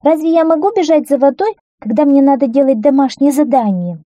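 A woman's voice: high-pitched, a little fast, mellow, no room sound, muffled recording, voice pushed up, lightly acted. A woman voicing a spoiled, lazy little girl in a children's story, whiny and reproachful. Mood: mocking.

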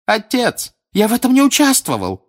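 A man voicing a desperate young man who screams and pleads in a shrill voice, in an audiobook. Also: wildly swooping pitch, moderate pace. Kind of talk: audiobook character voice.

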